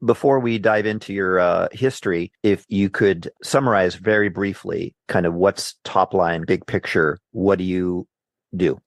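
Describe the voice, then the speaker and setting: A man's voice: sits low, steady tone, measured pace, no echo. A man hosting a podcast, asking probing questions with fillers and short acknowledgements. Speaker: podcast host, interviewer. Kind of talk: interview questions.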